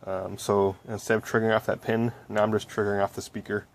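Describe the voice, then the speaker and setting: An electronics hobbyist, a man with a fairly low voice, talks quickly through a hands-on project in a very even, flat tone. He explains it informally and step by step, like a casual update, over clear noise on a home-made recording.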